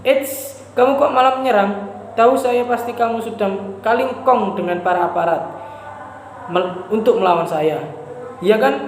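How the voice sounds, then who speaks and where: A man's voice: sits high, normal speed, long pauses. A man voicing Siwi, a jailed man who scolds and pleads with a tin plate, in a story reading. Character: Siwi, a jailed man, scornful yet lonely. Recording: echoey room with faint noise.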